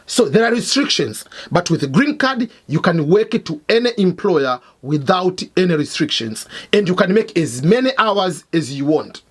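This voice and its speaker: Tanzanian-born guy hosting a lesson, high husky voice, very animated, repeats his points. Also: normal speed, few pauses. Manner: emphatic, repetitive teaching. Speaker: host. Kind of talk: explainer lesson. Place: Missouri, United States.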